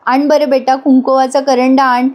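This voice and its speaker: A gentle, motherly older lady who speaks affectionately and coaxes a young girl, as a woman narrator reads her lines. The voice sits a little high, with a soft, caring way of talking. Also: flat delivery, normal speed, lightly acted. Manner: affectionate, coaxing, calls the girl "child". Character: kind motherly older woman giving blessings.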